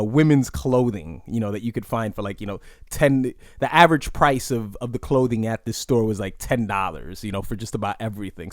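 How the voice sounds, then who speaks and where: A man's voice: medium pitch, a little mellow, no echo, clean studio sound. Rambling New man hosting a podcast. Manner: reflective and rambling, with many "you know" asides. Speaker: podcast host. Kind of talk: casual solo podcast monologue.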